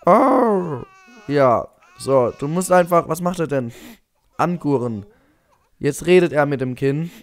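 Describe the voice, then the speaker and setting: A young man commenting on his life-simulation game, chatting away to his characters and coaxing them along. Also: fairly high pitch. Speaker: gaming YouTuber. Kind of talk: Let's Play commentary.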